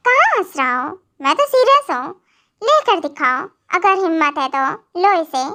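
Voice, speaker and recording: A woman's voice: very high-pitched, very animated, normal speed, sharp tone, full character voice. A woman voicing a possessive, teasing young man in a fan audio drama. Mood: taunting. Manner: teasing, taunting.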